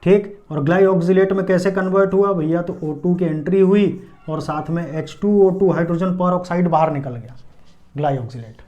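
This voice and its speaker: A man's voice: high-pitched, steady tone, moderate pace, mellow, muffled recording. A man teaching a biology lesson at a board, explaining step by step and asking and answering his own check questions. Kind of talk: classroom lecture at a board.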